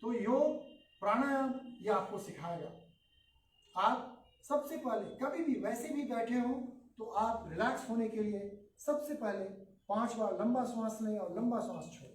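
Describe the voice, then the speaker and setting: A man teaching children a yoga breathing lesson in a calm, instructive way, mixing in English terms. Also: very high-pitched, measured pace, reverberant, distant mic, poor audio.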